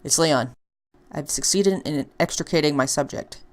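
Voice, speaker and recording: A calm, steady male agent from a fan visual novel, as a woman reads his lines aloud. He speaks in a level, businesslike way, a touch lower and louder than the rest of the reading, and never rushes. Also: lightly acted.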